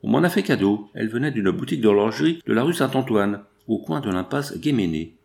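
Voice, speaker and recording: A man voicing a gentle young wounded seamstress in a soft, faint way. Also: on the low side, lively intonation, fairly quick, gravelly. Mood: weak.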